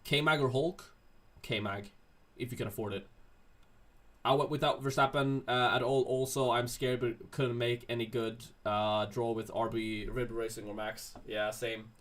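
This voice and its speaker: A Swedish man hosts a casual livestream, reading out viewer questions from chat and answering them. His mid-range voice stays steady and fairly bright, and he speaks without hurrying.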